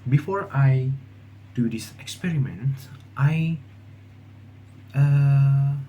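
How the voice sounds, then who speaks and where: A young Indonesian man vlogs in English, his second language, with an Indonesian accent, rambling casually through fillers, halts, and restarts. His voice is mid-range and mellow, and the audio is dull with slight background noise.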